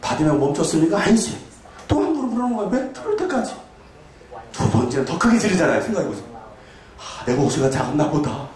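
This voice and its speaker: Male pastor, high lively voice, sermon in an echoey church hall, bursts into shouted reenactments. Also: quick pace, far from the mic. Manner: animated, shouting dramatic reenactments.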